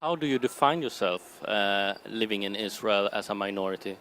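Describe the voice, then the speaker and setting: A man's voice: on the low side, moderate pace, a bit bright, slight background noise. A man from Sweden asking polite, brief interview questions.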